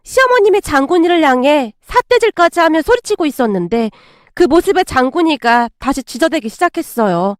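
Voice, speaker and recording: A woman narrating a family story in a lively storytelling manner. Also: high-pitched, brisk, dry recording, clean studio sound.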